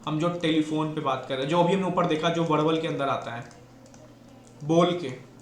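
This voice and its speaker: A man's voice: a little high, moderate pace. A man teaching an exam-prep lecture, mixing Hindi and English and asking and answering his own questions. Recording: echoey room with faint noise.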